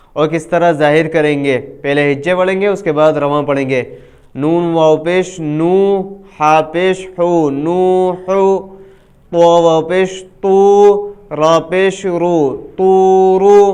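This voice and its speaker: A man teaching Quran reading, spelling out syllables slowly and explaining briskly in between. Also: a little high, smooth. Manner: drawn-out syllables, explains quickly between drills. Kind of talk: slow spelled-out letter drill lesson.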